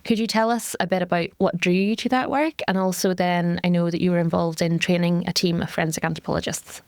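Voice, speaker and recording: A woman's voice: fairly low pitch, fairly even intonation, fast talker, a little mellow, no echo, clean studio sound. A woman hosting a law podcast, introducing guests and asking questions in a polite, scripted way. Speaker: podcast host, law lecturer.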